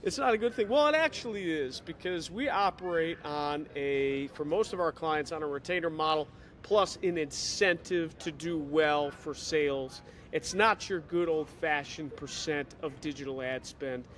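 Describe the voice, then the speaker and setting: A man with a Chicago accent giving a chatty, energetic video update on dealer advertising, recorded in an airport terminal. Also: on the high side, moderate pace, slight background noise. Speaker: digital marketing consultant for auto dealers.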